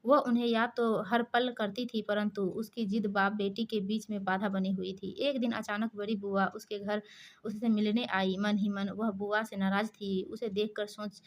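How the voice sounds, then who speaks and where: Woman storyteller, moral story narration, flat even intonation, mid-pitched, small hesitations. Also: normal speed. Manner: steady reading with small hesitations.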